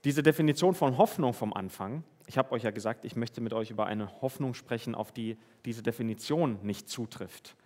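A man's voice: mid-range voice, moderate pace, few pauses, a little mellow. A man giving a sermon, reading Bible verses and talking with the congregation in a conversational way, often asking them questions. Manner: conversational, asks the listeners questions. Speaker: preacher.

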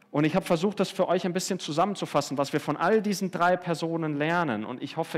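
A man giving an earnest sermon, speaking directly to his listeners with frequent tag questions. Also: a little high. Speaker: preacher.

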